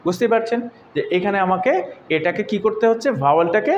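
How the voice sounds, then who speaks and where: A man teaching an English pronunciation lesson. He explains step by step, asks questions and answers them himself, and says example words slowly several times. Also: high-pitched. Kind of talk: classroom lesson. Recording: echoey room, dull lo-fi sound, faint noise.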